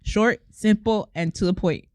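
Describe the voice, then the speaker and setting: A woman's voice: medium pitch, unhurried, darkish tone, dry recording. A woman co-hosting a casual podcast chat who giggles and teases her co-host. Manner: giggly, teasing.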